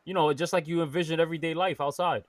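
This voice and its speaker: A young man co-hosting a casual podcast chat, ranting in an animated, exasperated way with lots of swearing. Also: fairly high pitch, fast talker, no room sound, far from the mic. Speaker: podcast co-host.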